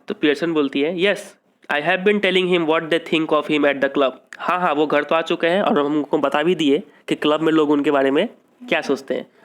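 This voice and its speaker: Male teacher with a slightly high voice. He reads English lines slowly, explains them, and quizzes himself. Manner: asks questions and answers them himself. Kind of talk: English lesson explained in Hindi.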